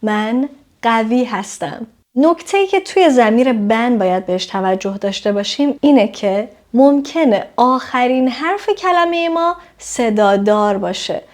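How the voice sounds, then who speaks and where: A woman teaching a language lesson, explaining grammar step by step and saying each example word slowly and clearly. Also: a little high, a little mellow.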